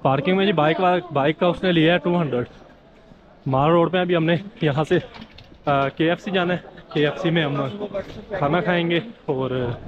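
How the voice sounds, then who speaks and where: A man's voice: fairly high pitch, moderate pace, pauses often. Distant man, muffled outdoors. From Pakistan. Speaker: motorcycle vlogger. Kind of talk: casual vlog commentary. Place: outdoor parking lot in snowfall. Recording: dull, distant, noisy outdoor audio.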